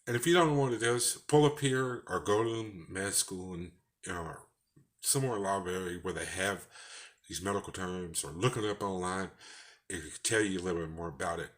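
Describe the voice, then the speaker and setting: A man's voice: sits low, a little fast. A man with a Texas twang, talking in a rambling, folksy way in a casual personal vlog. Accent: Texan. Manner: rambling, folksy, with false starts. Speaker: vlogger.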